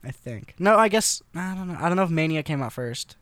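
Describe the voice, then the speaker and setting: Young male co-host, lighter pitch, very dry recording, loose slangy chat. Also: expressive, a little fast, a bit bright, clear, resonant tone, no room sound. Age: young adult. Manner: slangy, frequent swearing. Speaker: podcast co-host. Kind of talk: casual chat.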